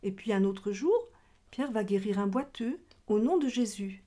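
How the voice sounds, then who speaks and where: At a normal speed and in a dark-toned, mid-range voice, a catechism teacher gives a children's religion lesson. She frames it as questions and answers and explains simply, as if talking to little ones.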